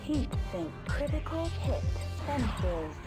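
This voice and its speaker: A woman voicing a female mech computer that calls out overheating, shutdowns and damage in flat, clipped system announcements. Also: high-pitched, slow, heavily acted. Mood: alarmed. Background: loud game music.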